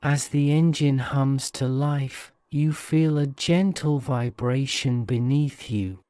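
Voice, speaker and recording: Speaking in a calm, mellow mid-range voice, the narrator takes his time over a bedtime guided-imagery story, keeping the pace very slow and measured. The tone stays smooth and clean, and there's no echo.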